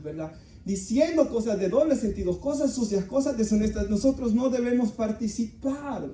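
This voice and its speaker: A male pastor preaches earnestly to his congregation. His voice sits high but sounds dark and mellow. It is picked up from far away, in a roomy, echoing church. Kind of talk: sermon. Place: church hall. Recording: echoey room, voice from far off.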